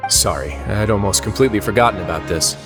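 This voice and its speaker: A self-assured duke who runs a prison, played by a male game actor, speaking in a lowish voice. He is composed, measured and suave, with wry formality, over faint music. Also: lightly acted. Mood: composed, businesslike. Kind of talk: video game voice acting.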